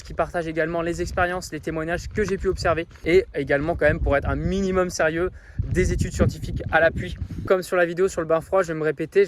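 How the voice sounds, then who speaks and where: A man with a fairly high voice talks to camera in an upbeat vlog and explains things patiently, with many small hesitations along the way. Faint outdoor noise stays in the background. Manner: explanatory, upbeat, with frequent fillers. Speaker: fitness vlogger. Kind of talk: casual vlog talking to camera.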